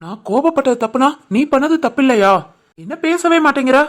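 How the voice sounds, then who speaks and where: A woman voicing a stubborn but loving young village husband in an animated family story, with a Tirunelveli Tamil accent, talking in an insistent, scolding way. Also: high voice, fairly quick. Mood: reproachful. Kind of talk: animated family drama voice acting.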